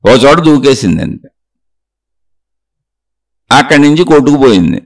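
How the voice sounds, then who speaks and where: A man's voice: mid-range voice, big pitch swings, moderate pace, vocal fry. A man giving a spiritual talk, speaking straight to the listener with rhetorical questions and telling a story with repeated phrases.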